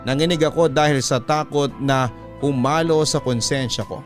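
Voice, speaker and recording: A man who hosts a radio program, reading a first-person story as scripted narration in a measured, even way. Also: mid-range voice, soft background music. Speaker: storyteller host.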